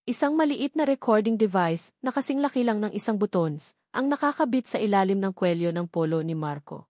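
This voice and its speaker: A woman with a Filipino accent narrates a dramatic scripted story in a mid-range voice with lively intonation. She speaks fairly quickly with a slightly mellow tone, and the studio-quality recording has no room sound.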